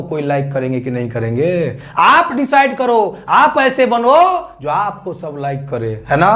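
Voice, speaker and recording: A man teaching a reasoning class, coaxing students with questions he answers himself and muttering sums under his breath. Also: high-pitched. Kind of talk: classroom lecture.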